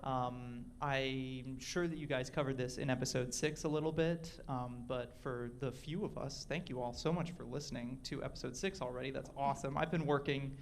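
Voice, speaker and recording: A man's voice: medium pitch, steady tone, moderate pace, gravelly, few pauses, slight background noise. Rambling man asking an audience question. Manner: rambling, many fillers and restarts. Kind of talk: live Q&A question. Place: live audience event indoors.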